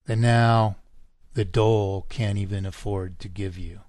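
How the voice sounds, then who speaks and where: A man lecturing at length on a radio show, emphatic and insistent, with his voice climbing high when he fires off indignant questions. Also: steady tone, measured pace, a little mellow, no room sound. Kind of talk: talk radio monologue.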